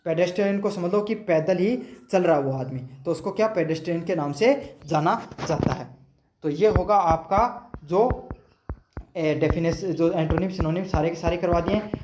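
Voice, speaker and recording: Male teacher, high voice, quizzes students with rhetorical questions, echoey room. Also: normal speed, noisy background. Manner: explains with rhetorical questions and memory tricks. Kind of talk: exam-prep vocabulary lesson.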